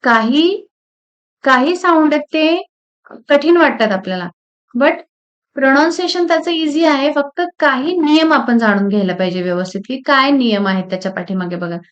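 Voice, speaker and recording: A woman teaching English pronunciation, saying words one at a time in slow, deliberate drills with short explanations. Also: high-pitched, animated, a bit bright, dull audio. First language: Marathi. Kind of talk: pronunciation lesson reading word lists.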